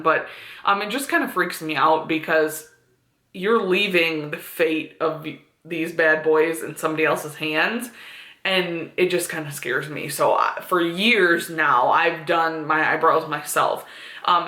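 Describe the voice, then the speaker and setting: A woman's voice: sits low, bright, forceful tone. Chatty young woman in an echoey room. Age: 20s. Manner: chatty, with frequent fillers and laughs. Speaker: beauty vlogger. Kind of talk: casual chat to camera. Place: room at home.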